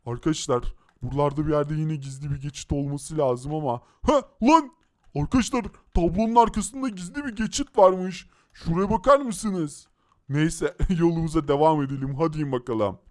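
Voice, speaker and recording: Excitable high-voiced male game host. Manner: excitable, exclaiming, talks to viewers.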